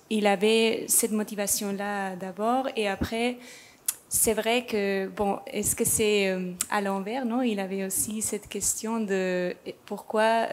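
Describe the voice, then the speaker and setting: A woman's voice: mid-range voice, a little mellow, slight background noise. A woman from Madrid speaking French, a panel guest who searches for her words with many fillers. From Spain, Madrid. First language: Spanish. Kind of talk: panel discussion.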